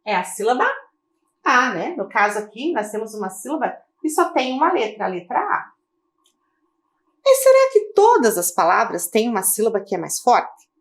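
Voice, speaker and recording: Lively high-voiced woman teacher. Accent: Brazilian Portuguese. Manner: slow, clear syllable-by-syllable teaching with questions to pupils. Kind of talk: video lesson for children.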